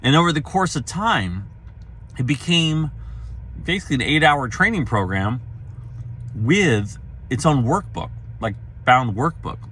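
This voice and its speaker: A man's voice: unhurried, husky. A middle-aged man speaking as a career trainer, telling a personal story casually and acting out the dialogue in it. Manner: animated storyteller, acts out quoted dialogue with pitch jumps.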